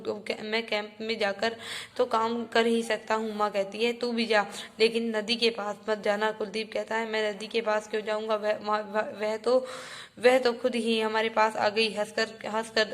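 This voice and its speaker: Woman teacher, reads a textbook play to her class, raised flat pitch, halting delivery. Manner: halting, repeats and restarts words while reading. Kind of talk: reading a textbook play aloud to students.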